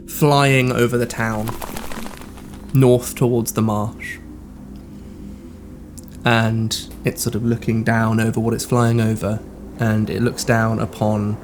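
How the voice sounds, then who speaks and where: A man narrating as game master of a tabletop game, describing scenes in a measured way with the odd hesitant filler. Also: mid-range voice, slight background noise.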